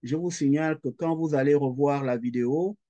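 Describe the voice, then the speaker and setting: Heard through dull audio, a middle-aged man from Quebec with a fairly high, dark-toned voice gives a recorded lecture. He takes the calculations step by step at a slow, methodical pace, voicing each figure again as he writes it.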